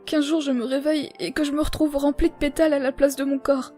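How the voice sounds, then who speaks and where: Woman voicing Azriel, high-pitched trembling monster boy. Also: level tone, mellow, close to an everyday voice. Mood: fearful, sad. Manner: trembling, halting, pleading. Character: frightened young goat-monster boy, gentle and tearful. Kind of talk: fan dub voice acting. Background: music.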